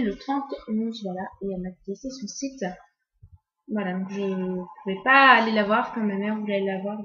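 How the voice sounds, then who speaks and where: A woman's voice: a little high, reverberant, highs cut off. A young woman vlogging casually, talking hesitantly with many fillers and restarts. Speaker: book vlogger. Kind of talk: casual vlog chat.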